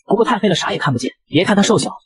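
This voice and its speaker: A man narrating a manga recap in a brisk, breathless scripted delivery. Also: high-pitched, expressive, slightly rough.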